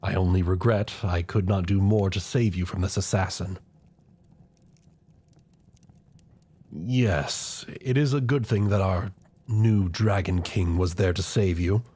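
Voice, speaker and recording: In an audio roleplay, a man voices an older chancellor of a fantasy royal court, his voice low, somewhat rough-edged, and mellow. He is grave, loyal to the crown, and a bit scheming, speaking with formal, deliberate, measured courtly courtesy in a deferential, solemn mood.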